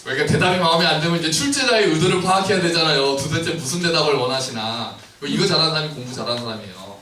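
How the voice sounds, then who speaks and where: A male pastor preaching a playful sermon that asks the congregation questions and acts out the scripture scenes. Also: medium pitch. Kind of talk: lively sermon to a congregation with children. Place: church sanctuary. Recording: roomy church hall, mic at distance, faint noise.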